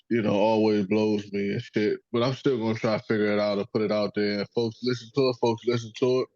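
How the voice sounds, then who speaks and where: A man's voice: fairly low pitch, darkish tone, dry recording, muffled recording. A man hosting a casual sports podcast, rambling and profane, joking with his son over a call. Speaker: podcast host.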